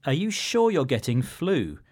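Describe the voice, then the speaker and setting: A man co-hosting a scripted language lesson in a studio, explaining a phrase in a sympathetic, gently teasing way. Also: a little high, wildly swooping pitch, unhurried. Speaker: co-host.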